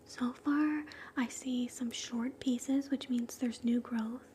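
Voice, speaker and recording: A woman whispering softly through an ASMR scalp-exam role play, chatting gently with live viewers between slow steps. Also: fairly high pitch, steady tone, slight background noise. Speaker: ASMR livestream host.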